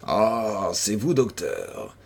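Audiobook figure: man reading a feverish, melancholy young loner, husky, slow, weary irony. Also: lowish voice, huge pitch swings, full character voice. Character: feverish, melancholic young male recluse, bitter.

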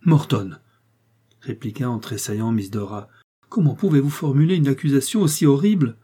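A man's voice: mid-range voice, normal speed, dark tone, slightly rough, pitched above the performer's own voice, lightly acted. A man voicing an anxious, reluctant aunt in a storybook reading, hesitant and pleading.

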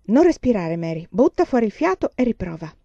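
A woman reading the part of a lively, practical teenage girl in a storybook, her voice raised and brisker than her narration. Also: fairly high pitch, no room sound, muffled recording, voice pushed up, natural voice. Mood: urgent.

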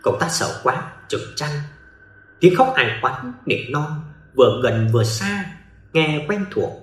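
A man narrates a ghost story in a dramatic storytelling manner. His voice is slightly high and swings widely in pitch. The recording has a roomy echo. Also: big pitch swings, measured pace, fairly bright tone.

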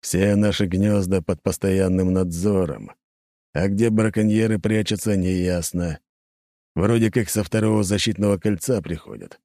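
A grudging old guard captain, voiced by a male audiobook reader reports in a slow, plain, dark voice. The recording is close and dry. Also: deep voice, no room sound. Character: grumbling older male guard captain, reluctant.

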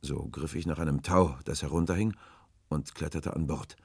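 A man's voice: very deep voice, steady tone, vocal fry, breathy edge, dry recording, heavily acted. A man voicing a frightened, starving old man who speaks in a hesitant, hopeless way in an audiobook. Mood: sorrowful. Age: older. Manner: hesitant, halting, sorrowful and hopeless. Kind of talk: audiobook character voice.

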